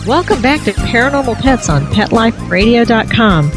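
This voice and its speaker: A woman's voice: on the high side, expressive, normal speed, over music. A woman hosting a radio show, interviewing a guest in a conversational way.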